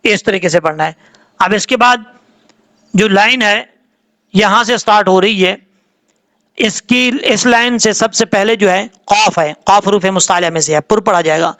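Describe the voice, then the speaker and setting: A man teaching a tajweed lesson in Urdu with a Pakistani accent, spelling words out sound by sound and chanting the verses in long drawn-out notes. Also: high-pitched, fairly bright tone. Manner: slow letter-by-letter drilling, drawn-out chanted recitation.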